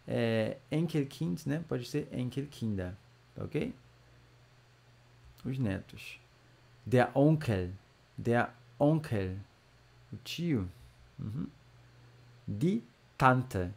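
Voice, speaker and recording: Slow, gravelly man teaching. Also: mid-range voice, expressive, a little mellow. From Brazil. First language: Portuguese. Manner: slow, drawn-out model pronunciation with chatty asides. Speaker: German teacher. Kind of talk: casual language lesson.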